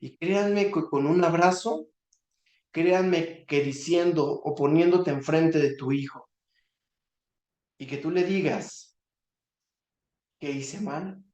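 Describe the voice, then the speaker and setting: A man in his thirties giving a sermon on a Torah portion, earnest and pleading, often dropping to a soft voice for emphasis. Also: fairly high pitch, slow, roomy sound. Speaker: Bible teacher.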